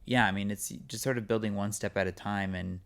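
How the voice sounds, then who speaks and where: A young man from California, a guest actor on an interview podcast, chats casually in a relaxed, rambling way, filling his speech with "um" and "like". His smooth, clear voice sits a little low, and he talks a little fast.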